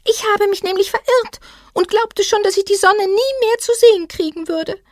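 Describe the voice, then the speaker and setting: A woman voicing a small, fearful, gloomy forest creature in a high, hushed, slow voice for a storybook. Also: no room sound, clean studio sound. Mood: eager.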